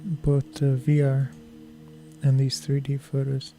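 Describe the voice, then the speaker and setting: A man giving casual, low-key live-stream commentary as he works on photos, unhurried, with music behind him. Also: completely flat delivery, dark tone.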